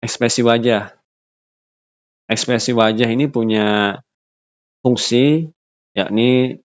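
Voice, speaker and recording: Explaining things off the cuff, a lowish-voiced man lectures with hesitant fillers and restarted phrases, captured in a dull, lo-fi recording.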